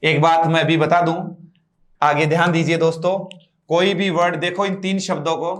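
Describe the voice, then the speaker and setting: A man who teaches English at a coaching class gives a classroom lecture. He speaks with a Hindi accent, explains each step, asks the class questions and draws out key words slowly. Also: fairly high pitch, level tone. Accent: Hindi-influenced English.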